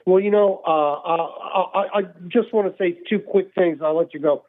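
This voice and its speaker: A man's voice: sits high, moderate pace. Rambling male caller over the phone. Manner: rambling and full of hedges. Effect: heard over the phone. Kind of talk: call-in radio chat. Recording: narrow phone-line audio.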